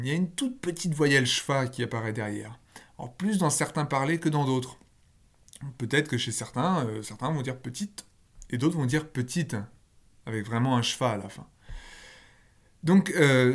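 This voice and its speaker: Blunt, emphatic male linguistics lecturer. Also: mid-range voice. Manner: emphatic, blunt, casual asides. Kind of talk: recorded video lecture.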